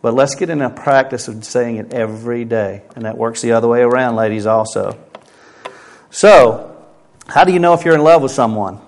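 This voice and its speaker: A man's voice: mid-range voice, normal speed. Male pastor preaching at a pulpit microphone. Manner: emphatic, asks rhetorical questions. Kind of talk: sermon.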